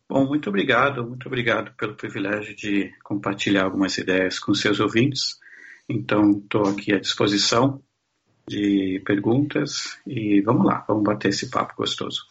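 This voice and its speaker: A man's voice: fairly low pitch, slightly rough, lo-fi sound. A man from Brazil, a social scientist guest, answering interview questions thoughtfully with frequent restarts. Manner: thoughtful, halting, many restarts.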